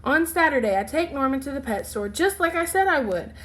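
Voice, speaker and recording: The storyteller is a high-pitched woman reading a picture book for children, and her manner is animated, expressive and deliberate.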